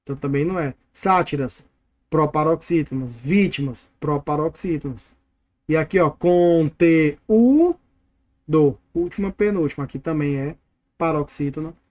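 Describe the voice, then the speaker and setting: A Brazilian man teaching an exam review lesson, energetic and playful, drilling words by repeating them. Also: a little high, normal speed, muffled recording. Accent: Brazilian Portuguese.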